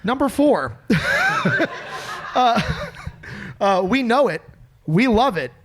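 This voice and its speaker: A man's voice: very high-pitched, drawn-out words, a little hiss or hum. A man hosting a live podcast taping, talking casually and jokily, swearing and laughing as he goes. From Florida. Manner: jokey, animated, swears and laughs often. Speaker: podcast host. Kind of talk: casual live-show banter.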